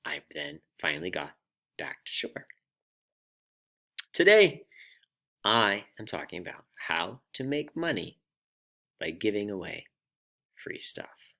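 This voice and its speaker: A man hosting a personal finance vlog, telling a story in an animated, self-deprecating way. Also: low voice, takes it slowly, gravelly, long pauses. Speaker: vlog host.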